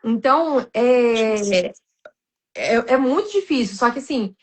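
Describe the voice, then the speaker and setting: Uma mulher brasileira, com sotaque brasileiro, fala com sinceridade em um podcast cristão, com muitas hesitações e recomeços. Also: female voice, fairly high pitch, expressive, takes it slowly, husky. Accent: Brazilian Portuguese. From Brazil. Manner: earnest, many restarts and fillers, addresses listeners as "gente". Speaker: podcast guest.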